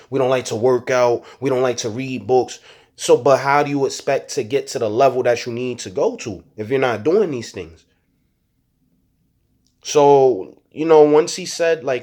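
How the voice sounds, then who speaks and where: Speaking in a medium-pitched, dark voice, this young man, a rapper who also runs a YouTube channel, reflects openly to his audience. He uses street slang, keeps tossing in "you know what I'm saying," and frequently stumbles and starts his sentences over.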